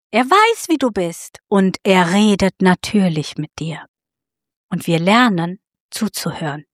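A woman's voice: high-pitched, no room sound, clean studio sound. A woman preaching a sermon, telling a story and appealing directly to her listeners.

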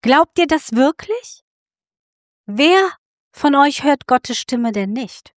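Woman preacher, higher voice, story-driven sermon, dry recording. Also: lively intonation, slow, no echo. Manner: storytelling, appealing directly to listeners.

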